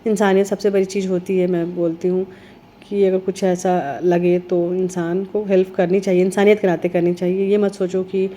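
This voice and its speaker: A middle-aged woman with a cold, talking earnestly in a casual vlog, her voice heavy and hoarse. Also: flat delivery, moderate pace, mellow, slight background noise. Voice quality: heavy, low-sounding voice. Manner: earnest, reflective, rambling. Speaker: vlogger.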